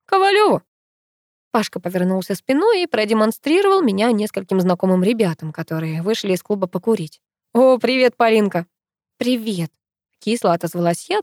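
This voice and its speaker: A woman reading a first-person novel aloud as an audiobook, lively and expressive. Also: mid-range voice, no echo, clean studio sound. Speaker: audiobook reader.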